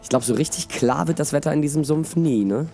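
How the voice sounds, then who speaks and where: A man's voice: fairly high pitch, brisk, creaky, mellow, soft background music. A man playing a fantasy game, reading a story aloud and chatting casually about his gameplay. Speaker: let's player.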